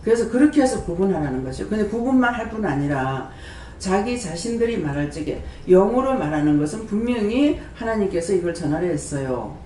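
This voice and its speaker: Prayer house director at the pulpit, animated pitch, preaching to the congregation, back in a roomy church hall. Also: a little fast, few pauses, a little hiss or hum. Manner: conversational preaching with rhetorical questions to the congregation; quotes scripture and acts out dialogue. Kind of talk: sermon. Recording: roomy hall sound from a distance.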